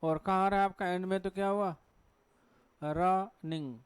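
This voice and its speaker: High-voiced Hindi-accented man teaching. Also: level tone, fast, clear, resonant tone, no room sound. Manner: asks the class questions and answers them himself. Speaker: English teacher. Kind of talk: classroom lecture on pronunciation. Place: classroom with a board.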